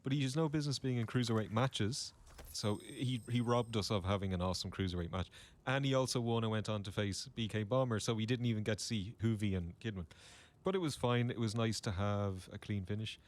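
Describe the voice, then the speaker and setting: A man's voice: fairly low pitch, brisk. A man co-hosting a podcast, giving frank opinions in casual chat.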